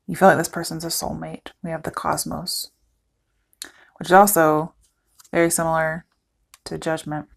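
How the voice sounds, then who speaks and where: A woman giving a casual, chatty tarot reading to her viewers, thinking aloud as she goes, her voice cracking at times. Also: sits low. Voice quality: voice cracking, throat clearing. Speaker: tarot reader.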